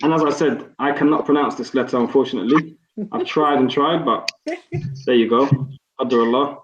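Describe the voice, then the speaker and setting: A man's voice: medium pitch, brisk, a little hiss or hum. A man teaching an online Arabic class, patient and encouraging, explaining pronunciation step by step. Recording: echoey room, slightly dull sound.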